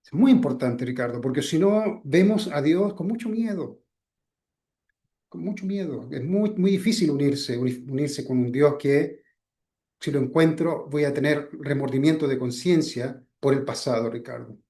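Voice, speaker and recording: A man gives a spiritual teaching talk in a mellow, warm-toned voice that sits a little high for a man. He speaks directly to one listener, repeating his name often. Many phrases fade softly at the end, and he checks in with short questions. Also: expressive, normal speed. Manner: addresses the listener by name again and again, trailing off softly after phrases; asks frequent checking questions.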